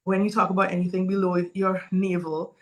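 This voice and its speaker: A woman's voice: on the low side, flat delivery, brisk, low-quality recording. A woman in her forties from Saint Vincent and the Grenadines, telling her personal story earnestly and openly as a panel guest. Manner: earnest, open, with frequent um fillers. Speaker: guest speaker.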